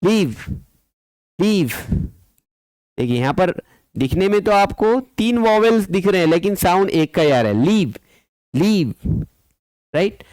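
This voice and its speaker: A man's voice: high-pitched, expressive, a little fast, a little mellow, clean tone, dry recording, rough recording. A man teaching a school English lesson, switching between Hindi-Urdu and English and repeating words for students.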